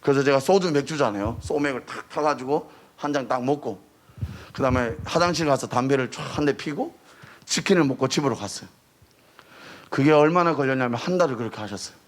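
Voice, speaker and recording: A man giving a sermon as a missionary preacher, telling his testimony in an animated, storytelling way and rising to emotional near-shouting at the high points. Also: a little fast. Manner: animated storytelling, acting out quoted voices. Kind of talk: sermon testimony to a youth service.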